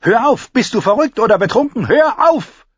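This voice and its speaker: A male audiobook narrator voicing a proud, sharp-tongued noble queen in a raised, commanding voice. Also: fairly high pitch, big pitch swings, moderate pace, husky, no room sound, lo-fi sound, voice pushed up. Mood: alarmed. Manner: commanding, scornful, breathless when thrilled.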